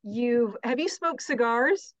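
A woman's voice: on the high side, lively intonation, slow pace, no room sound, highs cut off. A woman hosting a talk show interview, effusive and full of praise for her guest.

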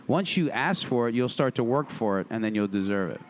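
A man's voice: medium pitch, lively intonation, a little fast, slight background noise. A middle-aged man hosting a podcast, chatting casually in an upbeat, emphatic way that repeats phrases. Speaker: podcast host. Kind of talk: casual motivational podcast chat.

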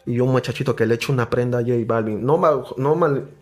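A young man with a Peruvian Spanish accent, a podcast guest telling his story in an animated, casual way and calling the hosts "brother". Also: medium pitch, fast talker. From Peru.

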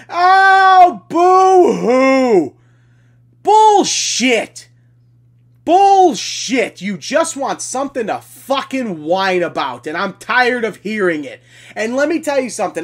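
A woman hosting a podcast, delivering a sarcastic, profanity-laced ranting monologue in a combative tone. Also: mid-range voice. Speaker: podcast host.

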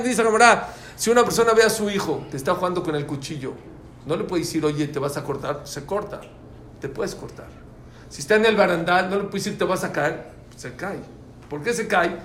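Pitched fairly high and with a fairly bright tone, a man's voice carries through an echoey room where faint background noise lingers. He is teaching a religious class, stressing his words, repeating key lines, and asking the students questions.

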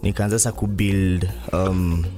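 A man's voice: low-pitched, fairly even intonation, normal speed, mellow, faint music behind. A man with a Kenyan accent chatting casually as a radio guest, often repeating phrases as he thinks. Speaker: guest, singer-songwriter. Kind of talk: casual interview chat. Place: radio studio.

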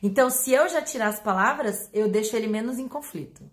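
A woman with a Brazilian Portuguese accent, a pet behavior educator explaining to her audience in an animated way, acting out examples. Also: on the high side, brisk. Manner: animated, acts out examples with voice changes.

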